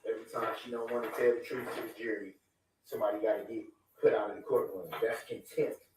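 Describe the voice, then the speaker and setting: Fast-talking man, distant courtroom echo. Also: on the low side, steady tone, a little mellow, a little hiss or hum. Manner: rapid, argumentative protesting. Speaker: defendant in court. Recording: distant echoey courtroom audio.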